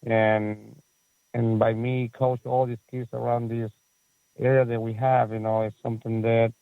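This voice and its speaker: Over a tinny, phone-like line with no room sound, a Chilean man in his forties speaks in a medium-pitched, flat, slightly slow and creaky voice with a Chilean Spanish accent. He's a guest in a casual interview, a soccer facility owner and coach, rambling with lots of fillers and restarts.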